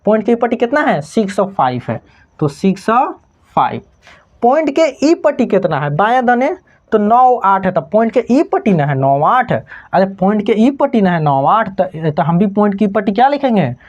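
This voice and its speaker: Lively Bhojpuri-accented woman teaching math. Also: medium pitch, normal speed. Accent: Bhojpuri-tinged Hindi. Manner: keeps checking understanding with repeated questions. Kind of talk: classroom math lesson. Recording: slightly dull lo-fi recording.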